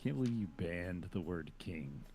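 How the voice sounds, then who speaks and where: A man's voice: low voice, lively intonation, normal speed, dark tone. A man playing a party game, stumbling through lines he reads aloud and joking about himself. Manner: stumbles reading aloud, self-mocking. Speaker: player. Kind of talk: casual banter at game night.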